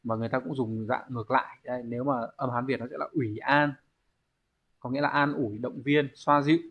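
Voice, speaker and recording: A man's voice: medium pitch, steady tone, brisk, husky, narrow, tinny audio. A man teaching a language exam review lesson. He explains step by step and keeps checking with the class. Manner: explains step by step, often asks the class to confirm.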